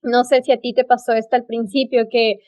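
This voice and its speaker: With a somewhat high, darkish voice and a level tone, this woman speaks briskly. She hosts a relaxed travel podcast in an Ecuadorian Spanish accent, gushing and repeating herself for emphasis.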